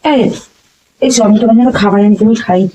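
A woman's voice: on the high side, fast, mellow, slight background noise, rough recording. A young woman with a Bengali accent, coaxing and pleading with her husband, exasperated when he ignores her. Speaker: wife in a prank video.

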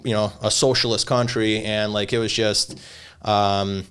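A young man from Lithuania, talking casually as a podcast guest. His voice sits low and sounds clean and resonant. He rambles through his story with lots of fillers and restarts. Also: level tone, a little slow, fairly bright tone, clear, resonant tone. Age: 20s. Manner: rambling, hesitant, many fillers.

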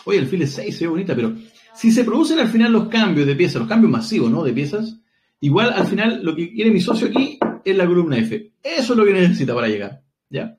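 A man's voice: high voice, big pitch swings, fast, a little mellow. Joking man analyzing chess live. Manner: chatty, joking, thinks aloud with short laughs. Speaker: chess commentator and live stream host.

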